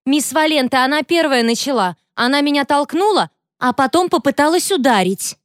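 Shrill whiny teenage bully girl, read by a woman. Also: lively intonation, normal speed, no echo, studio quality. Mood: whining indignant. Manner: shrill, complaining.

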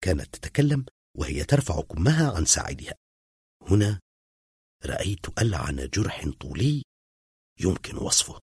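Man narrating a story, husky, very lively melody, dry close sound. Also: sits low, normal speed, pauses often, dry recording. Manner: expressive, dramatic storytelling. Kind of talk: audiobook reading.

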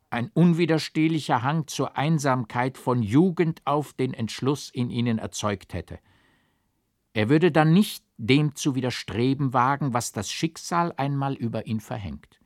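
A man's voice: medium pitch, dry recording, clean studio sound, lightly acted. A man reading the part of an earnest old man in an audiobook, coaxing and pleading, rising to fervent exhortation.

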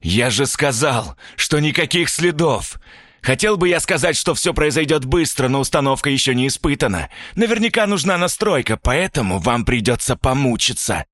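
A man voicing a cynical, arrogant young male villain inventor who mocks his captives in a slow, menacing drawl. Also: medium pitch, expressive, fairly bright tone, no echo, clean studio sound, voice pushed up. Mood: irritated. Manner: gloating, mocking, drawn-out menacing delivery.

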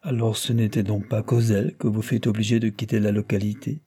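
A narrator doing a probing, guarded lawyer. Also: male voice, on the low side, level tone, mellow, slightly rough. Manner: deliberate, pointed questioning. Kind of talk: audiobook character voice.

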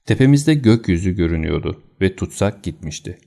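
A man narrating an audiobook in a steady, even storytelling manner. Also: sits low, brisk, creaky. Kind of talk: scripted narration.

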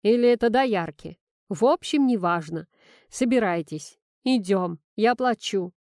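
A cheerful, teasing male friend , voiced by a woman reading the audiobook who talks in a brisk, breezy way. His lines come out a touch brighter than the narration. The recording is dry and close, with no room sound. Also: medium pitch, expressive, dry recording. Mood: upbeat.

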